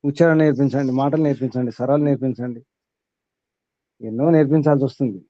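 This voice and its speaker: A man's voice: medium pitch, steady tone, quick pace, dry recording, lo-fi sound. A man acting as spiritual teacher, giving a sermon to a small group, questioning his listeners and reeling off long lists.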